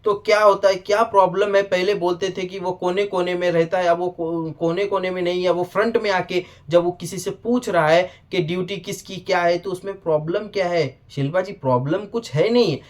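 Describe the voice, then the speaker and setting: A man giving a casual, animated video review, often addressing the show directly. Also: sits high, brisk, few pauses.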